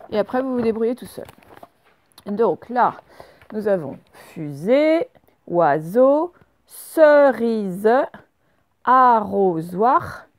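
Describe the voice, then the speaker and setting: A woman gives a reading lesson to young children, saying words slowly and clearly and spelling out sounds. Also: on the high side, warm tone, no echo. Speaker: teacher.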